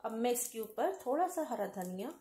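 Woman, cooking host, calm step-by-step instructions, somewhat high voice, roomy kitchen echo. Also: normal speed. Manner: calm step-by-step explaining, addresses viewers directly. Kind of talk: voice-over recipe instructions. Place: home kitchen.

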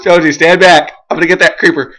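A high-voiced host playing a game with a friend, chatting excitably, giggling and often shrieking dramatically. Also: fast. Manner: frequent shrieks and screams. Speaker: Let's Play host. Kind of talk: excitable gameplay chat.

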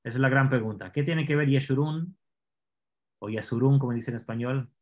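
A man teaching an online scripture class, explaining Hebrew words slowly and asking his students questions. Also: medium pitch.

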